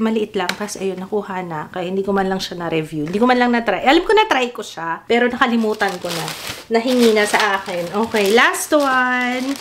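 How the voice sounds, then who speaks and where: A woman's voice: medium pitch, a bit bright, a little hiss or hum. A woman vlogger and mother chatting casually, giggling often and mixing in English. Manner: chatty, giggly, switches between Tagalog and English. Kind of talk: casual vlog chat.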